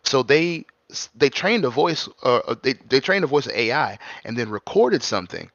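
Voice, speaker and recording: Man, podcast co-host, laid-back, casual storytelling, gravelly voice, dull lo-fi sound. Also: medium pitch, expressive, moderate pace, fairly bright tone, no room sound. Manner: laid-back, says "y'all", storytelling asides.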